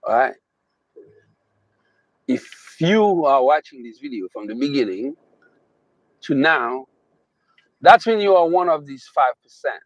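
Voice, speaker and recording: Here a motivational speaker from Haiti, Haitian accent intact, uses a mid-range voice with lively intonation. He hammers his points, repeating phrases and drawing stresses out slowly. There's no room sound, and the recording quality is low.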